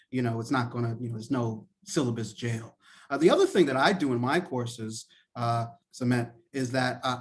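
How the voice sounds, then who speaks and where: A man from Trinidad and Tobago, a professor and lawyer, answering questions in a live online class in an encouraging, conversational way. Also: mid-range voice. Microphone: video call.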